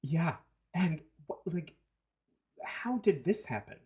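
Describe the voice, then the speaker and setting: Animated New Zealand man, lively pitch. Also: slow pace. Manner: animated, jumps between topics, swears. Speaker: podcast co-host. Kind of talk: casual chat.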